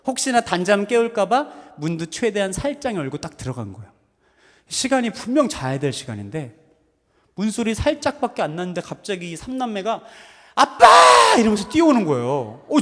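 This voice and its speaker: A man in his thirties, a pastor giving a sermon, telling family stories with sudden loud bursts. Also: fairly high pitch. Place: church sanctuary. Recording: long hall reverb in a church.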